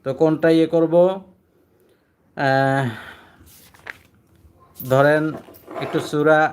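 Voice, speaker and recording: A man's voice: medium pitch, darkish tone. A man teaching Quran reading step by step, asking questions and answering them himself in a patient, repetitive way. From Bangladesh. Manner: patient, repetitive explaining, asks and answers his own questions. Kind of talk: spoken recitation lesson.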